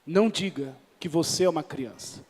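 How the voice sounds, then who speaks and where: A man preaching a sermon as pastor, reading scripture slowly and calling for responses from the congregation. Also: on the high side, darkish tone, breathy edge, big-room sound. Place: church.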